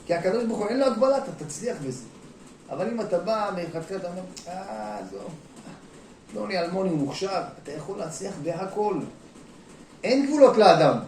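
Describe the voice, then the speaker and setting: A rabbi giving a lively sermon to an audience in a hall, shifting between talking and acting out quotes, calling out to the listeners. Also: male voice, sits high, slight background noise. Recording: echoey room, mic at a distance.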